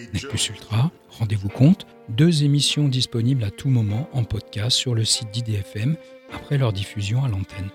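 A man's voice: medium pitch, a little mellow. A man presenting a radio column in a scripted style as its host.

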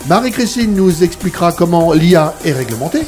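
A man's voice: fairly high pitch, animated, a little fast, a little mellow. A man hosting a radio show, presenting from a script. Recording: music bed under voice.

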